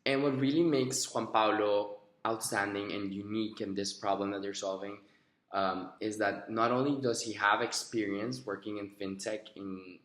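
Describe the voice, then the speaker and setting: A young man speaks in a somewhat low voice, delivering prepared answers for a video job interview. His talk is earnest and a little rehearsed, with the odd "um". The sound is roomy and echoey. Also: fairly bright tone. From Costa Rica. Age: young adult. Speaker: job applicant. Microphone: recorded himself on video.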